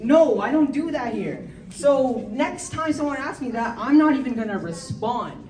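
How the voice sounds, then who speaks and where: With a fairly high pitch and lively intonation, an American teenage girl works through a giggly, meandering amateur comedy routine, dropping plenty of "likes" and "ums" at a moderate pace. The recording catches her from a distance in a big hall with an audience, so there's echo and crowd sound in the background.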